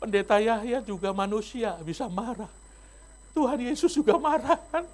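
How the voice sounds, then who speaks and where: A male pastor preaching a sermon, acting out the voices of the people in his story with big swings in pitch. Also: normal speed.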